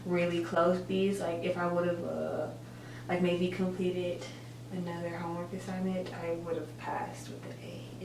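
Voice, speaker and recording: With a fairly low but fairly bright voice, a woman in her twenties does her makeup and chats casually for a get-ready-with-me vlog as a college student. She rambles, corrects herself, and uses plenty of filler words, recorded on a distant mic with roomy echo and faint hum.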